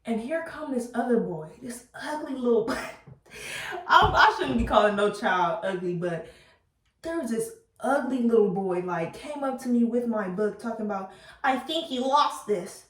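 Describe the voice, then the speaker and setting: A woman's voice: a little high, normal speed. Chatty woman vlogger in a roomy space. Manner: chatty and animated, laughing at herself; casual slang, addresses viewers as girl. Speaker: beauty vlogger. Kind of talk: casual storytime chat while doing her hair. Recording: roomy, slightly distant mic.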